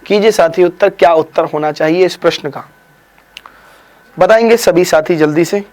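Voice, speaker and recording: A man with a high-pitched voice leads a live online exam quiz. He spells words out slowly and deliberately, then moves on with quick praise and teasing. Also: a little mellow. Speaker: Hindi exam teacher.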